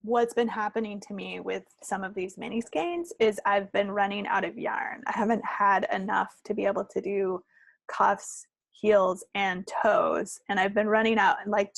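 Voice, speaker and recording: A podcast co-host chats casually about her knitting projects, rambling and poking fun at herself. Her voice is mid-range and creaky, and the recording is dry.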